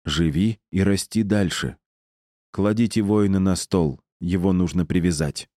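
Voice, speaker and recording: A man reading an audiobook voices a calm, solemn and kind female river spirit. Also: sits low, a little slow, no echo, studio quality.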